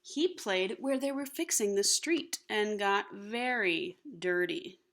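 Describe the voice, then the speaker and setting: A woman reading a children's picture book aloud expressively, animated and slipping in hushed asides to the listeners. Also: medium pitch, slow, gravelly. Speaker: storybook reader.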